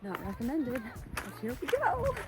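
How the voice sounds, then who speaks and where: A woman's voice: high voice, huge pitch swings, moderate pace. A woman vlogging casually outdoors on a mountain trail, talking slightly breathlessly while hiking and running. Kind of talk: casual self-filmed vlog talk. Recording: music behind the voice.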